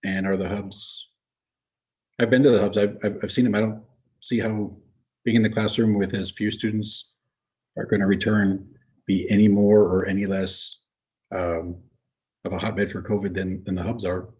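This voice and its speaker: A man on a school board raises pointed questions, stumbling over repeated words. His voice is low and husky, with a flat, unvaried delivery. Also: normal speed, long pauses, rough recording. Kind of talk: board meeting discussion.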